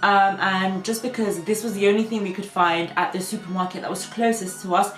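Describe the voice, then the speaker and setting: A young woman chatting on her sister's snack-tasting vlog, relaxed and quick to laugh, trailing off softly. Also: medium pitch. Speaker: co-host, sister. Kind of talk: casual snack-tasting chat. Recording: roomy room, faint background music.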